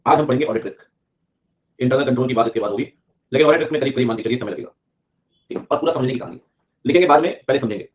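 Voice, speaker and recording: Fast-talking man teaching a class. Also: medium pitch. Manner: chatty Hindi-English teaching, repeats key points, jokes with students. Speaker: CA exam teacher. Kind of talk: live online class lecture. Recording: dull lo-fi audio.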